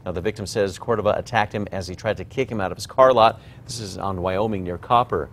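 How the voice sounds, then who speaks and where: Male news anchor, lower register, scripted broadcast delivery, faint background noise. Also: fast, a bit bright.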